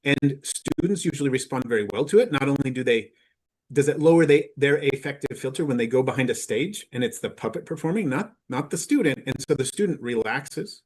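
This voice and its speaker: A man presenting at a teachers' conference in a mid-pitched voice. He explains carefully and unhurriedly, pausing on "uh" and restarting phrases as he walks through his examples. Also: expressive. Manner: measured, explanatory, with frequent "uh" fillers.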